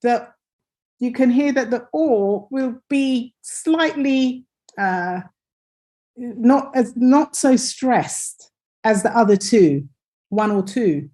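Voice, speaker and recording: Slow, hesitant woman teaching pronunciation. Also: a little high, mellow. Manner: slow, hesitant, many fillers and restarts. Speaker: English teacher. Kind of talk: online pronunciation lesson.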